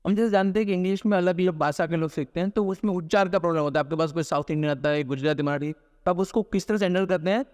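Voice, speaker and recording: Quick high-voiced man, distant and echoey. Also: darkish tone. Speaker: podcast host. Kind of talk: interview questions.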